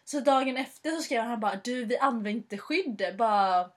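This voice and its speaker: A young woman in casual chat with a friend, giggly and teasing. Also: on the high side.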